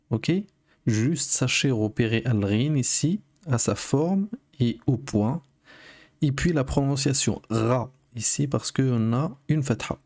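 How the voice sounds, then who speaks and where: A man's voice: medium pitch, darkish tone. A man giving a patient video lesson, teaching letters step by step and repeating each sound for learners. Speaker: Arabic teacher.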